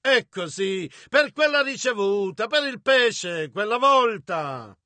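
A man interpreting a sermon with emphasis, at times breaking into shouts. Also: high-pitched, animated, slow, no echo.

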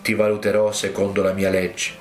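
A male preacher quoting God as a solemn judge on a throne, speaking slowly and gravely. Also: sits low, little pitch movement, soft background music, voice pushed down. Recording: roomy echo.

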